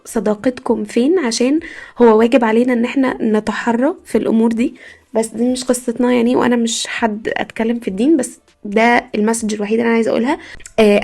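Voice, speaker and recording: A young woman from Egypt with an Egyptian Arabic accent, hosting a podcast as a casual comic monologue, telling stories in an animated way with frequent laughs. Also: fairly high pitch. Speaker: podcast host.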